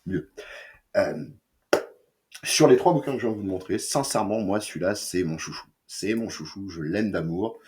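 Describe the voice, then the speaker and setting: A fairly low-voiced man reviews his new comics in a loose, rambling chat. He keeps restarting his sentences, fills every gap with little hesitations, and drops crude slang without a second thought. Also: animated, normal speed, darkish tone. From France.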